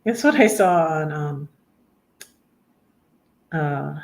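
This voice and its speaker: A woman in her fifties chatting on a live stream, rambling with many pauses and fillers, sometimes singing a hymn line slowly. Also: deep voice, animated, a little mellow. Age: 50s. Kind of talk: casual live chat.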